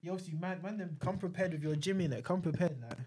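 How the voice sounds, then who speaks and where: A man's voice: high-pitched, fast, darkish tone, husky. A young man with a London roadman accent chatting casually in street slang on a group podcast. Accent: London roadman, multicultural London English. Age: young adult. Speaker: podcast co-host.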